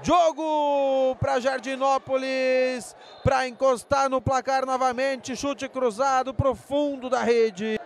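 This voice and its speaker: A man with a Brazilian accent giving explosive live futsal goal commentary, shouting his goal calls and stretching out the words. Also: very high-pitched, flat delivery, slow pace. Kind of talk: live play-by-play sports commentary. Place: indoor futsal gym. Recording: noisy sports hall ambience.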